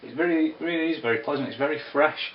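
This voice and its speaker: A man giving a casual spoken whisky review, unhurried and descriptive with wry asides. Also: fairly high pitch, slight background noise. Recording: roomy, distant, dull lo-fi sound.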